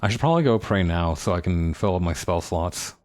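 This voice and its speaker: A man thinking aloud as he streams a game. His voice is low yet lively, rising and falling freely as he muses over choices. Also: fairly quick, soft background music. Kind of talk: casual game commentary.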